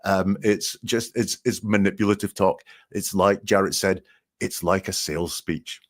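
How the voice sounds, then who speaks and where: A man with a slightly low voice explains statement analysis on a live chat show. He talks in an explanatory way and breaks quotes down point by point. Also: fairly even intonation, moderate pace.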